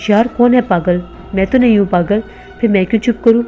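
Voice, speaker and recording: A woman puts on a babbling man who talks like a little kid, naive and erratic, in a storybook horror tale. the voice is soft and mellow with some faint music underneath. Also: mid-range voice, brisk, lo-fi sound, close to an everyday voice. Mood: indignant. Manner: naive, childlike talk.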